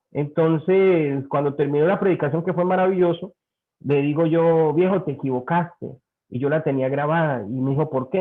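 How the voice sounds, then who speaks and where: A male pastor teaches his congregation, telling lively anecdotes and putting on the voices of the people in them. His voice sits a little high for a man. The sound is thin and tinny, as if carried over a phone line. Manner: animated storyteller, acts out quoted voices. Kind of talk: sermon-style teaching.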